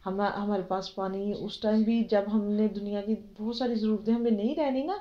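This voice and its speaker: A woman's voice: mid-range voice, fairly even intonation. A woman with a Pakistani Urdu accent teaching children religion in an online class, often asking them questions to keep them involved. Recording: dull lo-fi audio.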